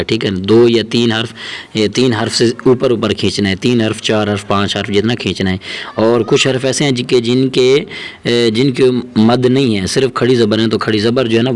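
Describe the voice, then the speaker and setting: A man explains a Quran reading lesson at a mid-range pitch. He talks patiently and repeats each point, often checking that his listeners follow. When he recites letters, he draws them out slowly.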